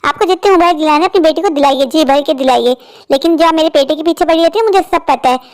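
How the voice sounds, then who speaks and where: A woman's voice: high-pitched, quick pace, darkish tone, close to an everyday voice. A woman voicing an argumentative daughter-in-law who quarrels with her mother-in-law in a cartoon. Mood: angry. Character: scolding middle-aged daughter-in-law, sharp-tongued.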